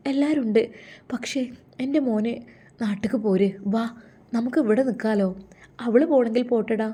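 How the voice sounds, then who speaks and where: A woman's voice: on the high side, warm tone, voice pushed up, lightly acted. Woman voicing a soothing older mother. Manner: soothing, coaxing. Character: tender, worried older mother.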